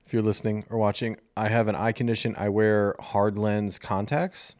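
A man's voice: on the low side, steady tone, normal speed, darkish tone, no room sound, studio quality. A man co-hosting a casual podcast, joking and self-deprecating as he explains things. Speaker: podcast co-host. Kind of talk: casual chat.

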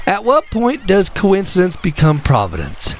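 A man's voice: high voice, wildly swooping pitch, moderate pace, a little hiss or hum. A man voicing a young wartime air gunner who asks earnest, devout questions. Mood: wondering.

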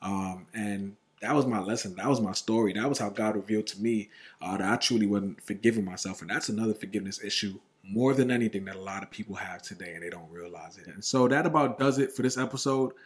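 A man's voice: lowish voice, fast. A man hosting a podcast, talking casually and earnestly about faith and reading aloud from a journal and scripture. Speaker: podcast host.

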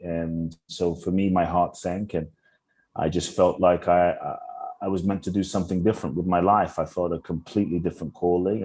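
A young adult man, a podcast guest from Ghana and London, telling his life story earnestly with slow, searching restarts. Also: low voice, mellow, slightly rough. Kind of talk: reflective interview storytelling.

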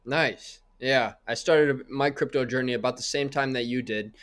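A man's voice: medium pitch, normal speed, fairly bright tone. A man hosting a podcast, greeting his guest and asking friendly, enthusiastic questions. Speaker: podcast host. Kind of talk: casual interview.

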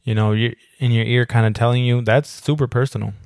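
A man's voice: medium pitch, fairly even intonation, fast, darkish tone, clean tone, no room sound. Young male co-host, loose, joking banter, dry booth sound. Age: young adult. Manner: loose and joking, swears, laughs often. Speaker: podcast co-host. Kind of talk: casual podcast chat.

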